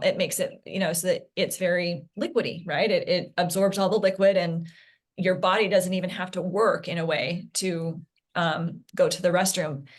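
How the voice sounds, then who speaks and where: A woman speaking as an interview guest, a parent recounting her son's health journey in an earnest, halting way with frequent restarts. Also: on the low side. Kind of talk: candid interview conversation.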